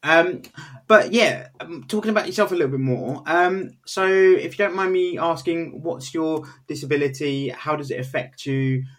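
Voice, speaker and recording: A man's voice: on the high side, normal speed, a bit bright. A young man hosting a casual podcast interview, his voice nasal and congested from a cold. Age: young adult. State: has a head cold. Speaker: podcast host.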